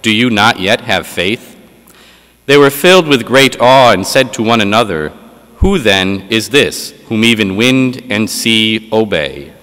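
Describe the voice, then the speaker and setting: Lowish-voiced priest in a reverberant church. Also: male voice, animated, a bit bright. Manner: measured reading, then unscripted preaching with frequent uh fillers. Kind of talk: gospel reading and homily. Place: large church.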